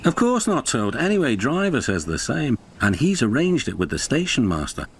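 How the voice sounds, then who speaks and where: A man's voice: mid-range voice, wildly swooping pitch, moderate pace, slight background noise. Man voicing an earnest young tank engine. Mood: brisk. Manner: earnest, polite.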